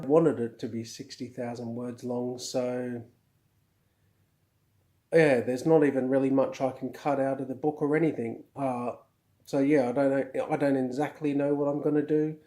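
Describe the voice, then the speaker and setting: Casting: middle-aged man, mellow and hushed for night-time, casual diary host who rambles hesitantly. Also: mid-range voice. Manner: hushed, keeping voice down at night so as not to wake anyone. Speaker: indie author, podcast host. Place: small room at home with bookshelves.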